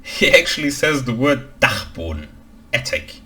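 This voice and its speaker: A man's voice: medium pitch, measured pace, soft background music, poor audio. A man from Germany who works as a language expert, giving dry, opinionated commentary in a film reaction video. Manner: dry, opinionated critique with deadpan asides.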